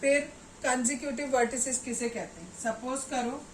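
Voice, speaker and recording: Lady teaching maths slow and patient, bit far from mic, faint hum behind. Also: high voice, fairly even intonation. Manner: patient, explains step by step, often asks "ठीक है" to check understanding. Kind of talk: classroom maths lesson at a board. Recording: roomy echo, voice away from the mic, faint background noise.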